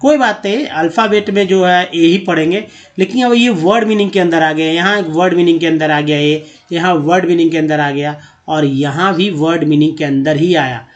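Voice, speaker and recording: A man with a fairly high voice gives a pronunciation lesson. He repeats each word slowly, several times over, and keeps checking with the listener through questions. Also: highs cut off. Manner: repeats words slowly and drills pronunciation, asking the viewer questions. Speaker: English teacher. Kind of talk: Hindi-language English reading lesson.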